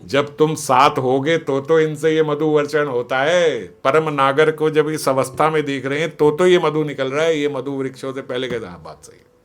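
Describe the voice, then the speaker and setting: A man giving a devotional scripture discourse, animated, acting out the dialogue and often laughing. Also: a little high, normal speed, hardly any pauses. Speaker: devotional storyteller.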